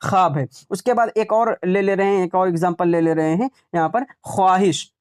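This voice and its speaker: A man teaching an online Urdu exam class, repeating example words slowly and checking in with "right?" as he explains. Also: sits high, darkish tone, clean tone.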